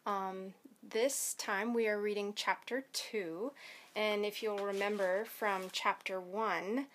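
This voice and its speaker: A woman elementary school teacher reading a children's novel aloud to her students in a lively, expressive storytelling way. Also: medium pitch, takes it slowly, slight background noise.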